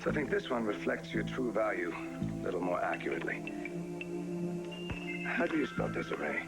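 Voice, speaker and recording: An actor playing a confident male casino owner who talks in a dry, teasing, smooth way. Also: fairly low pitch, sing-song, moderate pace, rough recording. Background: background music.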